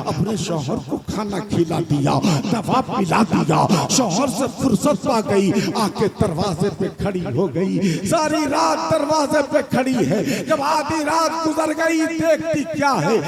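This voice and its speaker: A male preacher telling a story in a sermon, acting out each character's lines and often breaking into shouts. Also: extremely high pitch. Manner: dramatic, acts out characters' lines, rising to shouts. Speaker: Islamic preacher. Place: large outdoor gathering. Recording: echoey public-address sound with loud crowd. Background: loud crowd.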